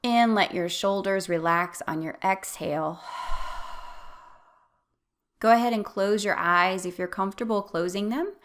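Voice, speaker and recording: A woman leading a guided meditation as an instructor, speaking in a gentle, soothing, instructional way. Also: medium pitch, normal speed, few pauses.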